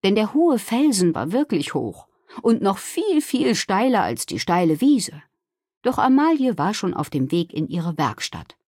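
A woman narrating a children's story in a lively, expressive storytelling voice. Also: mid-range voice, a little slow, slightly rough, no room sound, studio quality. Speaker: audiobook reader.

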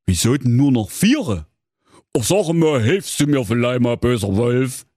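A man's voice: mid-range voice, expressive, unhurried, darkish tone, dry recording, studio quality. A man voicing a clumsy, dim-witted male bear in a comic fairy-tale parody, stammering excuses and blustering. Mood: grumbling. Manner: fumbling, sheepish excuses, sometimes blustering.

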